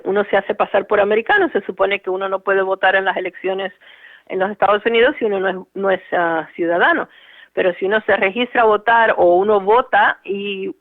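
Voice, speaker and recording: A woman's voice: mid-range voice, dry recording. A woman lawyer from Cuba, explaining cases carefully with fillers and restarts in an interview. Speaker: immigration lawyer, guest. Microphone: phone line. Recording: tinny dry phone line.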